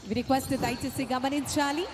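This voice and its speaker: A woman's voice: sits high, steady tone, measured pace. A woman with a Telugu accent making live event announcements in a formal, courteous way. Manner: formal, courteous, honorific-laden. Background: loud music.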